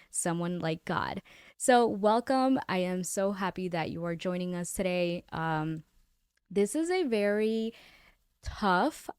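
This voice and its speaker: Young woman host, honduran-born, lowish smooth voice, chatty and direct, dry close mic. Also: no room sound. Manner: warm, chatty, addresses listeners directly. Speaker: podcast host. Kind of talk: casual faith podcast monologue.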